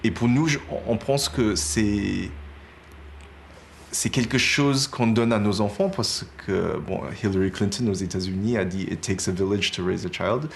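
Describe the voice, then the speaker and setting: A man's voice: fairly low pitch, unhurried, gravelly, slight background noise. A man interviewed as a parent, speaking thoughtfully and searching for his words. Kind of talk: reflective interview speech.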